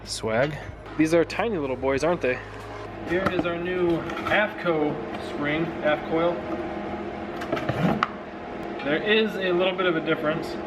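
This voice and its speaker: A man in his thirties with a slightly high voice hosts a car project vlog from his garage workshop, speaking at normal speed on a handheld camera held at arm's length. He talks casually in frat-bro slang, swearing easily, and the recording is very noisy.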